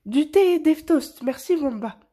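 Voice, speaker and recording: A woman voicing a fussy, excitable male platypus guest in a squeaky, shrill voice. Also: measured pace. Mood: chirpy.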